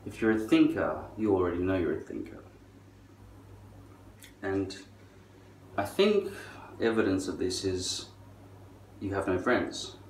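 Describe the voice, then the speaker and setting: A middle-aged man with a low voice rambles through a sardonic, foul-mouthed rant. He drags some words out and punches others. He sounds distant from the microphone, with roomy echo around him. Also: lively intonation, measured pace, pauses often. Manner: sardonic, profane. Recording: distant mic, roomy echo, faint noise.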